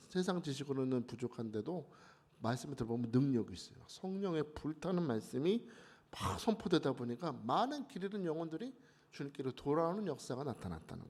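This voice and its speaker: A man preaching a sermon at a dawn prayer meeting, emphatic, with sudden louder rises. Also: medium pitch.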